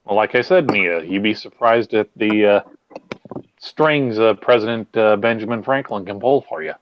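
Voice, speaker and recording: Joking male livestream host on a call; low voice, dull dry sound. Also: moderate pace, no room sound. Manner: crude, joking. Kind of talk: casual group chat on a livestream. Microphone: video call.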